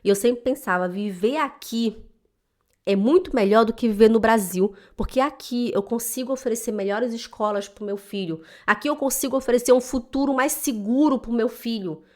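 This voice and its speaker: A woman who teaches German, telling a personal story to the camera in an emotional, animated way and often adding "né?" to her sentences. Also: a little high, normal speed. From Brazil (Belém do Pará). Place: lives in German-speaking Switzerland.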